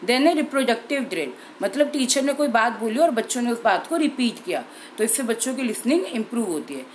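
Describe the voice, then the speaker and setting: A young woman with a fairly high voice gives an explanatory exam-prep lesson in Hindi, using English terms, speaking clearly and steadily. She slows down to emphasize each key term. The recording is rough, with a faint hiss underneath.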